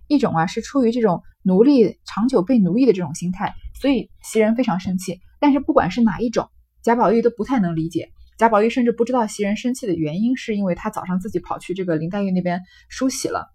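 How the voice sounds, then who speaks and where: Woman, literature talk, conversational, breathy, mid pitch. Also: warm tone. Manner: conversational, reads original passages slowly. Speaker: literature explainer. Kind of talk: explaining and reading aloud a classic novel.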